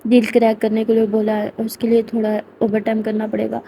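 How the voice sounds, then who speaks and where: A woman plays a devoted young working woman in a spoken storybook, speaking softly and tenderly. The voice is dark and gravelly, and a faint hiss sits behind it. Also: on the high side, completely flat delivery, a little fast, poor audio. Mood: earnest. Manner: soft and tender, quiet.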